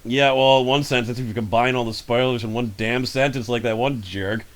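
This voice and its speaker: A man's voice: medium pitch, moderate pace. Rambling man chatting on a podcast. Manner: rambling, animated storyteller. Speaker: podcast host. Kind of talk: casual chat. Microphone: home microphone over a voice call.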